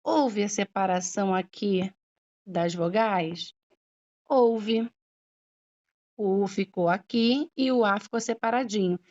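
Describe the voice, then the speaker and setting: A woman's voice: medium pitch, slow pace, long pauses, darkish tone. A woman teacher explaining a grammar lesson patiently, stretching out syllables and checking in often with her students. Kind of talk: slow classroom explanation. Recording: dull lo-fi recording.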